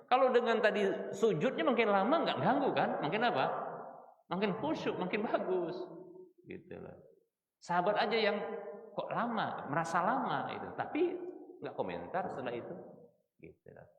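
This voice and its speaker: A man's voice: sits high, sing-song, normal speed, long pauses. A middle-aged man with a Medan-area Indonesian accent preaching in a mosque, quizzing his listeners with rhetorical questions. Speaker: Islamic preacher. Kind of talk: mosque study sermon. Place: mosque hall. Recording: echoey, distant, muffled hall recording.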